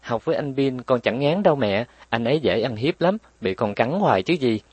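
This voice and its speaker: A man's voice: expressive, brisk, slightly rough, no echo. A man voicing a playful, stubborn little girl who bites her playmates, speaking cheekily in a raised voice. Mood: pleading. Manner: pleading, cheeky, raised pitch.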